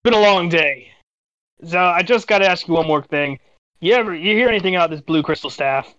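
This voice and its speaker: A man's voice: sits high, a little fast, a bit bright, dull audio. A man voicing a weary town guard. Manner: weary and casual. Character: tired male town guard.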